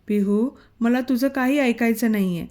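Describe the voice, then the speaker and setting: Bossy young husband, short clipped orders, mellow tone, woman reading him. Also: extremely high pitch, moderate pace. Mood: stern. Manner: curt, commanding. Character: stern protective young husband.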